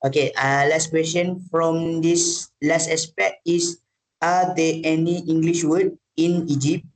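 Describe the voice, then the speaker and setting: A man's voice: fairly high pitch, a little mellow, poor audio. A man asking interview questions in English, hesitant, often repeating and correcting his words.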